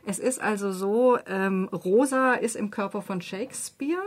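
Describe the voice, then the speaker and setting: A woman's voice: medium pitch, unhurried. Female host, casual interviewer, easygoing, mid-range voice. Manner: relaxed, with fillers and light laughs. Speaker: show host.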